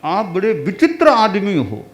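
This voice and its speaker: A man's voice: high voice, wildly swooping pitch, a little slow, pitched above the performer's own voice, full character voice. A man voicing an anxious young male disciple in a spoken parable, calling out urgently and pleading. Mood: puzzled.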